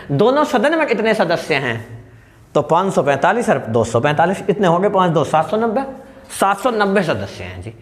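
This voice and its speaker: A man teaching a lively class, asking questions and answering them himself, joking with the students and raising his voice to stress points. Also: high-pitched. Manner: shouts at times to stress a point.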